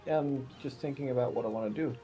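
A woman's voice: a bass voice, quick pace, mellow. A woman co-playing a game, chatting casually with dry, teasing quips. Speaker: co-player. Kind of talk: casual gaming chat. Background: faint game music.

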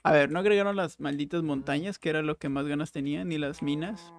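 A young man giving casual, jokey Minecraft let's play commentary, with bursts of excited exclaiming. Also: on the high side, fast talker. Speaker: gaming YouTuber.

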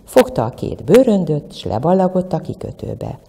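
Museum lady reading a kids story, low gravelly voice, echoey room. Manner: expressive, lilting storyteller. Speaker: museum educator. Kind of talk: storytelling for children.

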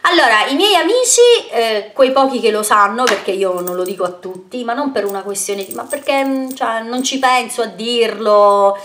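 Woman, beauty vlogger, casual Q&A, chatty, rambling, affectionate, fairly high voice. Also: moderate pace, hardly any pauses, a bit bright, slight background noise. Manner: chatty, greets followers with kisses and pet names; rambling with frequent fillers and self-corrections. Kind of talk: casual Q&A vlog, answering viewer questions.

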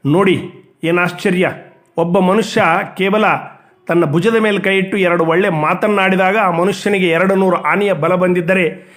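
A man gives a devotional talk in a high, clear voice. He tells a story and acts out its characters' lines, and he lists things in quick short phrases. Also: fairly even intonation, fairly bright tone. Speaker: religious speaker.

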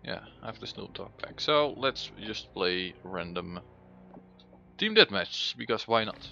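A man's voice: on the low side, lively intonation, measured pace, gravelly, sharp tone. A man giving casual gameplay commentary as the host, plain-spoken and given to mild swearing. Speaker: gaming host. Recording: dull, band-limited mic over music.

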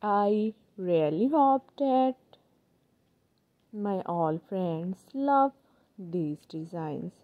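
A woman hosting a channel voice-over, addressing viewers in halting, repetitive short phrases. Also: mid-range voice, animated. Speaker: channel host. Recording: tinny, phone-like narrow band.

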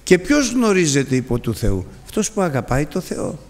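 A man preaching with a gravelly, animated voice that swings from low murmurs to high, pressing questions. He sounds fairly high for a man. A long hall reverb trails every phrase. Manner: animated, pleading rhetorical questions. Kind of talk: sermon.

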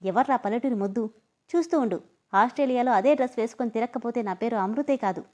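A woman's voice: brisk, a little mellow, natural voice. Woman reading as a whiny, stubborn young woman. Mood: defiant. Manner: whiny, shrill protests. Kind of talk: storybook reading.

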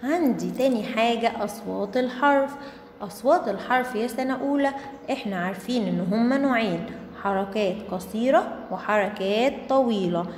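A woman with an Egyptian Arabic accent teaching young children to read, stretching syllables out slowly and answering her own questions. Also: on the high side. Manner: slow drawn-out syllables, asks and answers herself. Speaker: primary school Arabic teacher. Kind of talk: children's reading lesson. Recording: echoey room with faint background noise.

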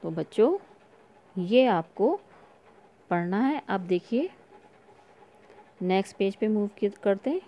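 Slow, mellow-voiced primary teacher woman. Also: medium pitch, lively intonation, muffled recording. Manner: slow, clear word-by-word reading for young children. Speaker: school teacher. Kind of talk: recorded online class lesson.

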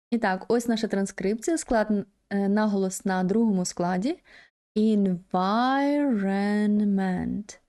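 A woman teacher patiently explaining pronunciation in an online language lesson, pausing often with hesitation sounds. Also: mid-range voice, warm tone. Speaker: English teacher.

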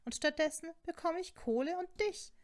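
Brief: a woman reading as an exasperated young witch, high, loud and snappy. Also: lively intonation, normal speed, natural voice.

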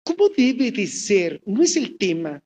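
Animated Mexican woman preacher. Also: mid-range voice, a little slow, breathy edge. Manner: animated storytelling, asks the congregation questions. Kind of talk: sermon.

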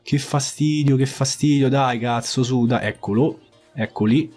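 A man's voice: medium pitch, steady tone, a little slow, darkish tone, slightly rough, soft background music. A man commenting on his own mobile game match, swearing often and repeating phrases in frustration. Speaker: gaming YouTuber. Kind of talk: live gameplay commentary.

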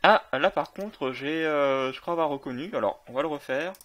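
A man's voice: on the high side, moderate pace, fairly bright tone. A man casually commenting on a video game while playing, with many fillers and self-corrections. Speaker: gaming video creator.

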